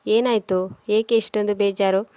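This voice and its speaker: Sarcastic young wife, read by a woman; dry, even. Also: mid-range voice, moderate pace, no echo, close to an everyday voice. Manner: sarcastic questioning.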